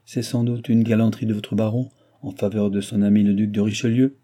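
A man's voice: fairly low pitch, level tone, a little fast, dark tone, natural voice. A man voicing a bold, self-assured noble traveler who talks in a confident, commanding and slightly mocking way.

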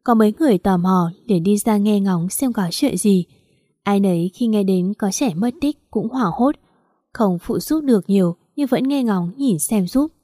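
Woman storyteller, mellow dry voice, even read-aloud narration. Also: mid-range voice, no echo. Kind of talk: scripted narration of a romance story.

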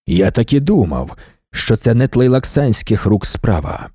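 A man reading an audiobook, voicing an ancient god-emperor in a low, slow, commanding tone. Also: very animated, mellow, no room sound, clean studio sound. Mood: stern.

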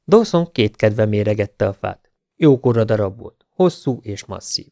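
A man reading an audiobook aloud with an even, dramatic storytelling manner. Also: fairly low pitch, dry recording. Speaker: audiobook narrator. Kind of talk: scripted audiobook narration.

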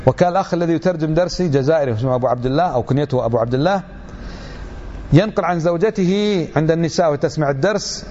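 A middle-aged man delivers a religious lecture at a rapid clip, pressing his points with rhetorical questions. His voice sits a little high. The recording is dull and lo-fi, with a faint hiss underneath. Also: a little mellow. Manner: emphatic, full of rhetorical questions.

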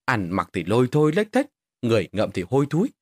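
A man's voice: medium pitch, huge pitch swings, darkish tone. A man voicing a gossipy third wife who mocks her stepson. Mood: mocking. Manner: mocking, quick.

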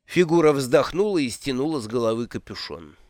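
A man narrating a fantasy audiobook in an expressive, theatrical reading style. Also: mid-range voice, a little fast, no room sound, clean studio sound. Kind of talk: scripted narration.

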